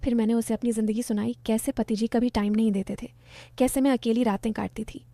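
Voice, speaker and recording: A middle-aged woman tells a first-person story with a steady, even delivery. Her voice sits fairly high but sounds mellow and warm. The recording is close and completely dry. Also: fast, no echo.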